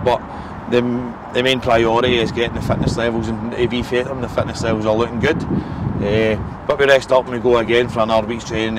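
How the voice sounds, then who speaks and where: Scottish man, forties, football manager, frank, restarts and fillers, outdoor pitch-side recording, traffic noise. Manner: frank, repeats words, fillers like eh and listen. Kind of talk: post-match interview.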